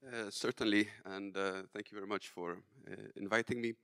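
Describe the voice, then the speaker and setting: Deep, gravelly male panelist from Sweden, dry close-miked sound. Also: fairly even intonation, pushed and bright, no room sound. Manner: measured, with filler sounds. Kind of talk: panel discussion remarks.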